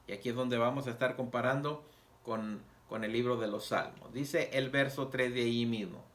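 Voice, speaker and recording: A man preaching a Sabbath school lesson, reading scripture aloud with emphatic pauses and asking the congregation rhetorical questions. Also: medium pitch, steady tone, fairly bright tone. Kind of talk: sermon.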